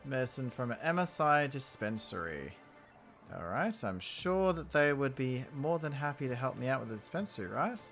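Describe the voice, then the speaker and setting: A man's voice: mid-range voice, animated, moderate pace, fairly bright tone, faint music behind. A man doing casual let's play commentary, playful and wry, reading dialogue choices aloud. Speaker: gamer playing and commenting.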